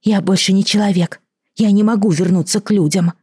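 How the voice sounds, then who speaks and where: A woman voicing a frightened young girl who has grown horns, sobbing and pleading in a high, strained voice. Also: steady tone, brisk, mellow, breathy edge, no room sound, clean studio sound. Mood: distraught. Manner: sobbing, pleading, rising to shrieks.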